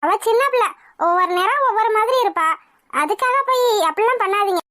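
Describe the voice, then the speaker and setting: A woman's voice: very high voice, fast, bright, forceful tone, no echo, studio quality. Woman voicing a stern young cousin. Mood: gentle. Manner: coaxing, then demanding and scolding. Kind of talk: cartoon voice acting.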